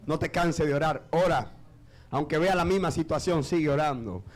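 A male pastor, preaching a sermon in church and swinging between shouted peaks and quiet low asides. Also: normal speed.

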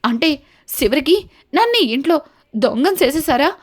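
A woman's voice: high-pitched, very animated, normal speed. A woman voicing a scheming young daughter-in-law who fakes tears and panics when caught, as in a recapped TV serial. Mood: whiny, panicked. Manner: feigned tearful complaining.

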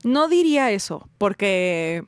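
A woman's voice: medium pitch, sing-song, slow pace, clean tone, no echo. Playful woman, a comedy guest. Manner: playful, laughs often. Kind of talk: casual chat.

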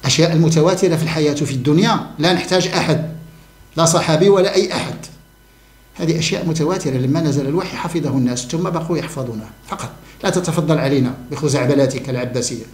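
A man's voice: fairly high pitch, racing, echoey room. A man giving an emphatic monologue to camera, repeating key words for stress. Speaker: religious commentator.

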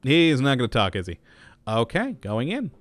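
A man's voice: medium pitch, wildly swooping pitch, normal speed, no echo. A man giving casual, chatty commentary while playing a game, laughing often and humming to himself. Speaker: gameplay commentator. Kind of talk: casual let's-play commentary.

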